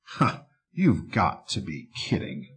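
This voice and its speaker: Man doing a calm quiet little lamb, totally unbothered, slow and soft. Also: deep voice, slightly rough, pitched below the performer's own voice, heavily acted. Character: calm, unafraid young male lamb.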